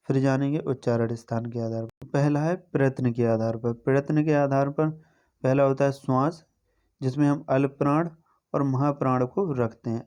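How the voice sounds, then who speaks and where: A man teaching an exam-prep grammar class in a mellow, darker voice. He explains each rule step by step and slows down to sound out the letters one at a time. He keeps tossing in a quick "okay" to check that his students are following. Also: medium pitch. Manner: explanatory, repeats "ठीक है" as a check-in; spells out sounds slowly one by one.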